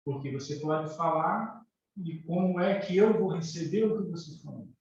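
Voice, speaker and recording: A man in a study group calmly explaining a spiritual idea over a video call. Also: a little high, normal speed, a little hiss or hum. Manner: reflective, explanatory. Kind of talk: casual group discussion. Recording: distant echoey dull call audio.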